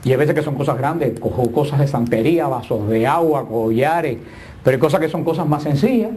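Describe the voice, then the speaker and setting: A man's voice: medium pitch, expressive, fairly quick, dark tone. A middle-aged man preaching a sermon with emphatic, swinging delivery and joking asides.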